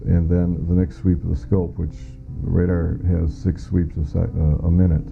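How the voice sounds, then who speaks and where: Over music, in muffled lo-fi sound, a former air traffic controller offers his witness testimony. The middle-aged American man has a low voice with vocal fry and a flat delivery at a moderate pace, speaking plainly and matter-of-factly in the interview.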